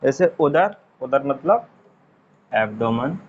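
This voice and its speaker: A man teaching English vocabulary in a casual classroom lesson, chatty and repeating words slowly for pronunciation. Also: mid-range voice, expressive, slightly rough. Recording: dull lo-fi sound, faint noise.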